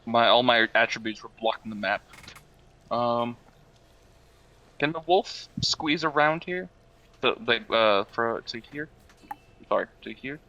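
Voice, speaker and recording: A man's voice: medium pitch, unhurried, long pauses, pushed and bright, lo-fi sound. A man playing a tabletop game over an online call, hesitant and full of fillers. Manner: hesitant, filler-heavy, sheepish. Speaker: player. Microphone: online call microphone.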